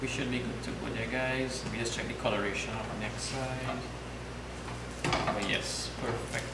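A man in his thirties with a Trinidadian accent, calmly explaining a recipe step by step in his home kitchen. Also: medium pitch, normal speed, very noisy. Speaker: home cook. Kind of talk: cooking demonstration. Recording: echoey kitchen with loud sizzling. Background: frying sizzle.

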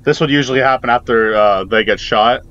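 A man's voice: mid-range voice, fairly quick, fairly bright tone, muffled recording. A man giving casual, hesitant commentary while playing a video game, full of fillers and the odd curse. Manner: rambling, hesitant, swears when startled. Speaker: gameplay video creator.

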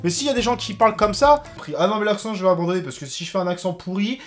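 Lively, swearing young man reacting. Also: high-pitched, racing, faint music behind. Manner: swearing, joking, animated rants. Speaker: YouTuber reacting to a TV show. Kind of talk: casual reaction commentary.

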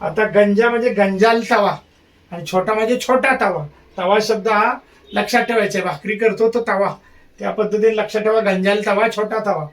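A man's voice: sits high, moderate pace, fairly bright tone, far from the mic. A man teaching an exam-prep lesson, repeating key points and drilling memory tricks.

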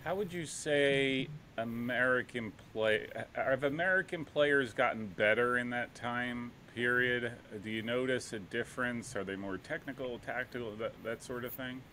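A middle-aged soccer coach hosts an interview over a video call from a room at home, using a studio mic with a headset. His medium-pitched voice is pushed and bright at a moderate pace with few pauses, full of ums and restarts, and the recording quality is low.

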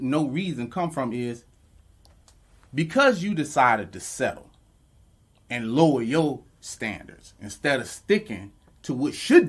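A man's voice: mid-range voice, breathy edge. A man co-hosting a podcast, arguing bluntly and profanely in casual chat, laughing as he makes his points. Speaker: podcast co-host.

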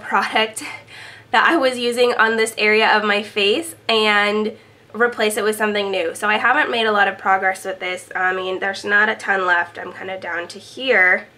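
Sitting in a small room at home, a young woman gives her camera a casual product update as a beauty vlogger. Her voice is on the high side, bright and forceful in tone, and she chats upbeat with lots of ums while sounding slightly stuffed up from a cold.

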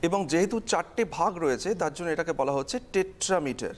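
A woman's voice: on the low side, animated, moderate pace. A woman teaching a televised exam-prep lesson, explaining step by step and repeating key terms.

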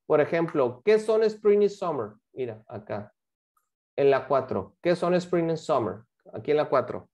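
A woman's voice: low voice, very animated, measured pace, warm tone. A woman, teaching English and explaining homework to a class, patient and often checking that students follow. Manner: patient, checks understanding with frequent questions.

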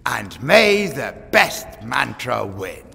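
An elderly lord of a pagan island, smug and silver-tongued. His speech soars and dips dramatically at a middling pitch, pompous and taunting. It is an audio drama recording with long, hall-like reverb. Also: very animated, takes it slowly, creaky, pushed and bright, heavily acted. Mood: grandly defiant. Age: older. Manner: pompous, taunting, silkily eloquent.

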